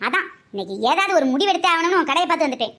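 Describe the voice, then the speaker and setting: A woman playing quarrelling village women, a mother-in-law and a daughter-in-law, in a scripted comedy skit, with teasing, quick-tongued banter. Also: very high voice, sing-song, a bit bright, heavily acted. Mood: quarrelsome.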